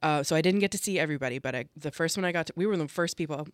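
A man's voice: a little high, rapid-fire, no room sound. Friendly, chatty podcast co-host man. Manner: friendly, chatty, frequent affirming backchannels. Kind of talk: casual chat.

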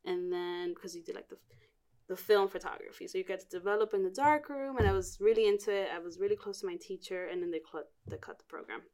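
A woman's voice: mid-range voice, quick pace, darkish tone. A young woman in her twenties, from Miami and born in Cuba, talks casually as a podcast guest. She rambles through her memories, filling the gaps with "like" and restarting her sentences as she goes. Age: 20s. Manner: chatty and rambling, with frequent "like" fillers. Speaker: podcast guest, art director. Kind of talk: casual chat.

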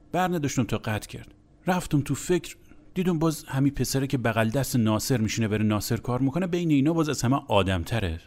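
A man's voice: medium pitch, a little mellow. A young man telling a crude, comic anecdote in a blunt, exasperated way. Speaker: storyteller.

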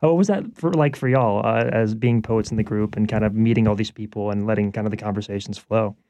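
Guy hosting a radio interview, low mellow voice, dry close sound. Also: fast, dry recording. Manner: relaxed, easygoing, frequent "uh" fillers. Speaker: radio show host. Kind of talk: conversational interview.

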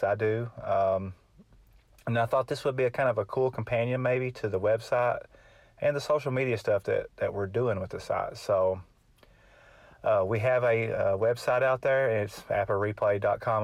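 A man's voice: lowish voice, dry recording. A middle-aged man from Kentucky with an Appalachian drawl, chatting informally as a solo podcast host in a hesitant, folksy, self-effacing way. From Kentucky, United States. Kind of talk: casual solo podcast chat.

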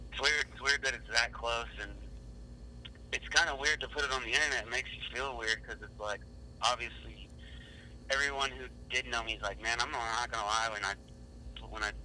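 A man's voice: medium pitch, bright, forceful tone, slight background noise, poor audio. A man calling in on speakerphone as a guest, chatting casually and repeating words when unsure. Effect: speakerphone call. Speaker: phone-in guest. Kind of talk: casual chat.

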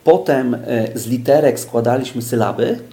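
A man's voice: mid-range voice, animated, moderate pace, warm tone, roomy sound. A man who teaches speed reading, explaining it patiently in an interview with everyday examples and frequent hesitations.

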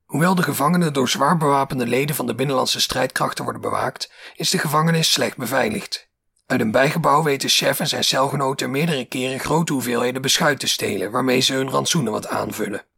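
A man narrates a documentary in a scripted, even delivery. His voice is very raspy and gravelly, with a sharp, bright edge. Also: medium pitch, a little fast.

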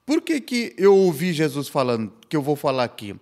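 This missionary guest, an Indian man, earnestly recounts his personal testimony during a podcast chat, using simple and somewhat broken Portuguese. He speaks fairly quickly in a higher, sing-song voice with a darkish tone.

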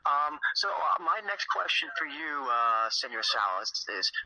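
A man hosting an interview, brisk, with frequent ums and quick acknowledgments. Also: on the high side, big pitch swings, sharp tone, a little hiss or hum, low-quality recording. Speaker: host.

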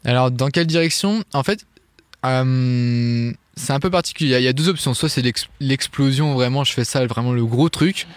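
A man from France, a guest on an interview, chatting casually in a quick, loose way with many fillers and restarts. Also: medium pitch, no echo. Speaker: guest, online Irish music teacher.

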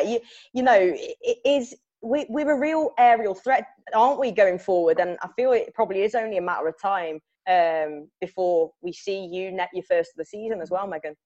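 A woman's voice: mid-range voice, moderate pace, darkish tone, dull audio. A woman hosting a club podcast, asking players chatty questions and laughing easily between them. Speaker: podcast host.

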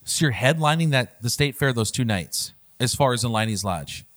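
Upbeat male host, animated pitch, casual interviewer. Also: normal speed. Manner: enthusiastic, praising. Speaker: podcast host.

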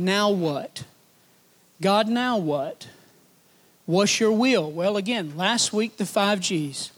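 Folksy pastor preaching. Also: male voice, sits high. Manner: folksy, animated preaching with rising emphatic repetition. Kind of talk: sermon.

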